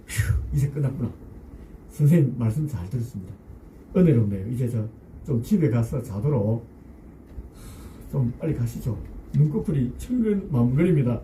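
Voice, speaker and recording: A man's voice: mid-range voice, animated, moderate pace, pauses often, warm tone, reverberant, far from the mic, slight background noise, voice pushed down, close to an everyday voice, low-quality recording. A man voicing a weary grumbling fisherman. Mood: sleepy, relieved. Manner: pleading, protesting inner monologue.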